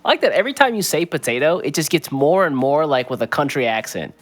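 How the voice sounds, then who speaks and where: A laid-back male esports co-caster whose pitch swoops widely as he talks. He jokes and banters easily with his partner. Faint music plays behind. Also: big pitch swings, fast talker, a bit bright. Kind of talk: live esports commentary.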